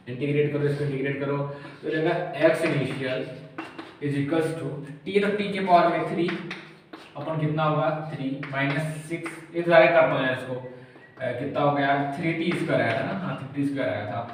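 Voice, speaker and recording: A man's voice: fairly high pitch, normal speed, recorded from a distance. Man tutoring in a very echoey room. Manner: chatty, asks and answers his own questions; calls the viewer brother, very familiar. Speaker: physics tutor. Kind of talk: informal exam-prep lesson. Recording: echoey room, faint room noise.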